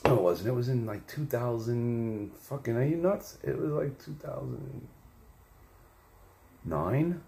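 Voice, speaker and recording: A man's voice: medium pitch, expressive, unhurried, vocal fry, warm tone. A man hosting a livestream, telling crude, profane, rambling stories and correcting his own details as he goes. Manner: self-correcting, second-guesses details. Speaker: livestream host. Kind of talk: casual storytelling monologue. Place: home livestream setup.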